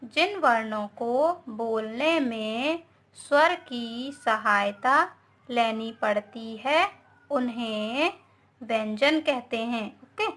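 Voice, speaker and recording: Slow high-voiced woman teaching grammar. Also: fairly bright tone. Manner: patient, repeats "okay" and "है ना", mixes English words. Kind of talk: slow, explaining Hindi grammar lesson.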